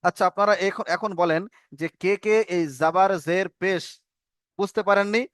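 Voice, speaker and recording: A man's voice: high-pitched, steady tone, normal speed, fairly bright tone, clean tone, no echo, studio quality. A man teaching an online reading class, patiently asking questions and repeating the answers for his students.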